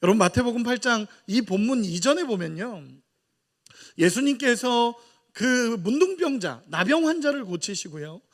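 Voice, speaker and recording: A male pastor preaching a sermon in a church, addressing the congregation directly with animated emphasis. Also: very high voice, moderate pace. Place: church sanctuary.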